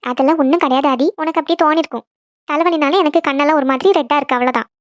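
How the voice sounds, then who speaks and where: A hurt young woman in a cartoon, voiced by a woman, talks high and fast as she brushes off worry and insists nothing is wrong. The sound is dry and a little muffled. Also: dry recording, close to an everyday voice. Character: young woman, tearful and proud. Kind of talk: cartoon voice acting.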